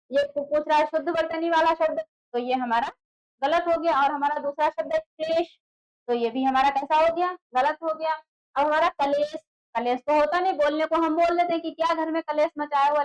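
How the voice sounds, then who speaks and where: High-voiced woman teaching a lesson. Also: rough recording. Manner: asks rhetorical questions and answers them herself. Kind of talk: exam-prep lesson.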